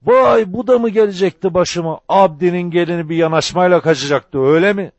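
A man's voice: medium pitch, sing-song, normal speed, warm tone, slightly rough, dry recording. A man voicing a harsh village landlord who bellows threats. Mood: raging. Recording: dull lo-fi dry recording.

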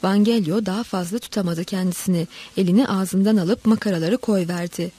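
Mellow, husky woman reading a story. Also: mid-range voice, fairly quick, no room sound. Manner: steady, dramatic literary narration. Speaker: narrator.

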